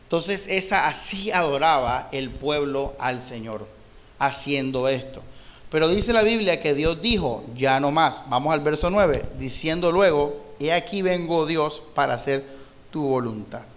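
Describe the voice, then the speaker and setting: A Colombian man preaching an expository sermon, reading scripture aloud and then explaining it, often posing a question and pausing for the answer. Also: a little high, lively intonation, a bit bright. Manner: poses rhetorical questions and pauses for the answer. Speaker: pastor.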